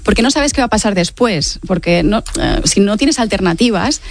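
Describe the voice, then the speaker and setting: Animated and medium-pitched, a late-forties author from Mallorca talks at a moderate pace as an interview guest. Her accent is from Spain, and her reflective explanations are full of tag questions.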